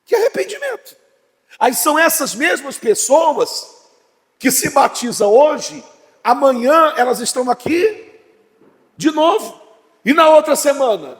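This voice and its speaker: A man preaching a sermon as pastor, with swelling emphasis. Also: extremely high pitch. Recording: long hall reverb.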